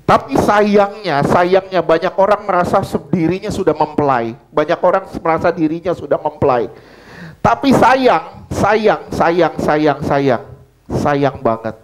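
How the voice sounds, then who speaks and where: A middle-aged man delivers a sermon in a notably high voice. He leans on repetition, saying the same phrase again and again to drive a point home. Between the exhortations he talks to the congregation plainly, as if sharing a personal story. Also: low-quality recording. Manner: emphatic preaching with heavy repetition of phrases; conversational, personal testimony told to the congregation. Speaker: pastor.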